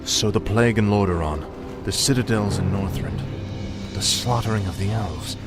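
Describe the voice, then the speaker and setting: Man as Arthas, deep-voiced menacing fallen prince. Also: loud music behind the voice, natural voice. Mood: questioning, wary. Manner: menacing, imperious, deliberate. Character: cruel fallen prince, cold undead champion of darkness. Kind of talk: video game villain acting.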